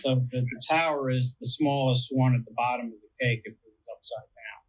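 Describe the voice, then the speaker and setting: A man with a mid-range voice speaks a little fast in a steady tone, explaining air traffic control in an interview. He keeps it casual and conversational, using everyday analogies, and the audio comes through a tinny, narrowband, phone-like line.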